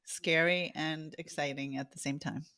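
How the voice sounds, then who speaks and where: A woman's voice: deep voice, fairly even intonation, moderate pace, sharp tone, dry recording, clean studio sound. A woman with a New Jersey accent, a guest artist talking casually, easygoing and self-deprecating with frequent laughter. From US East Coast. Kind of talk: casual conversation.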